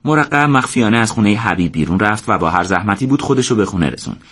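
Low-voiced male storyteller. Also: husky. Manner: steady, measured storytelling. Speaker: narrator. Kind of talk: scripted storytelling narration.

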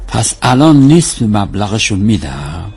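Casting: a pious, kindly persuader in TV drama, gravelly and very animated, coaxing warmly. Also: male voice, on the low side, exaggerated voice. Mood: earnest, coaxing. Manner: pleading, familiar, full of blessings. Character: devout, kindly, persuasive errand man helping charity.

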